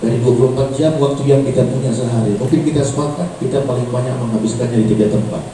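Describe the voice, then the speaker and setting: Pastor preaching in a very echoey hall. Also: male voice, medium pitch, fast talker, a little hiss or hum. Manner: animated storytelling, swinging from hushed to loud. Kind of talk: sermon. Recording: echoey room, distant mic, faint ambience.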